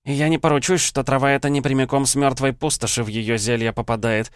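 A man's voice: medium pitch, fairly even intonation, fast talker, clear, resonant tone, no room sound, pitched above the performer's own voice, close to an everyday voice. A stern village nurse who scolds without mercy, as a male narrator puts her on in a raised voice. Her talk is blunt and pushy, and the recording is dry and close, with no room sound. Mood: scolding. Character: stern sharp-tongued village nurse woman.

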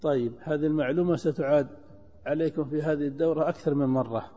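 A man's voice: a little high, steady tone, fast, dark tone. A man teaching a grammar class as a sheikh, putting questions to his students and repeating their answers back with emphasis. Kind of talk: classroom lecture quizzing students. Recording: dull lo-fi with long hall reverb.

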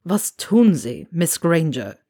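A woman voicing a stern, cold male professor with a low, clipped, hissing delivery, in a storybook reading. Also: lively intonation, unhurried, a little mellow, dry recording, studio quality.

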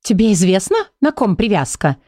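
A woman's voice: medium pitch, big pitch swings, moderate pace, dark tone, dry recording, clean studio sound. A woman voicing a composed, businesslike lady book in an audiobook. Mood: brisk. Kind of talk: audiobook character voice.

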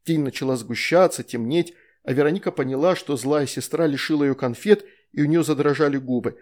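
A man narrates a storybook with a lively, expressive delivery. His voice sits somewhat high for a man. He moves smoothly between narration and the character voices he puts on. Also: a little fast. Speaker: audiobook narrator. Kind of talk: scripted narration.

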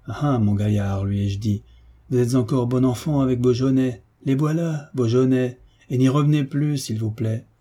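A man's voice: medium pitch, normal speed, warm tone, slightly rough, lightly acted. A man voicing a fussy, talkative middle-aged male landlord who speaks emphatically, in a folksy way, for an audiobook. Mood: chatty.

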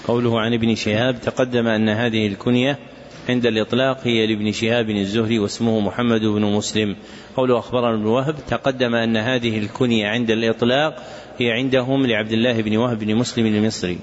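Man, measured scholarly commentary, long hall reverb, dull sound with faint hiss. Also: medium pitch, level tone. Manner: brief, measured explanatory notes. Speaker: sheikh teaching hadith. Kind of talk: scholarly commentary on name pronunciation. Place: large mosque hall.

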